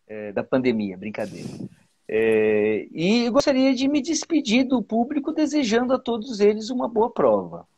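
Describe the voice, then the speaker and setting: A Brazilian man speaking as a teacher over a video call, his voice husky and a little breathy. His pitch swings up and down a lot as he talks. He stumbles and repeats words as he explains. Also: huge pitch swings, a little mellow. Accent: Brazilian Portuguese. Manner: halting, many repeated words and fillers. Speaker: teacher, guest. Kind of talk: casual explanatory advice.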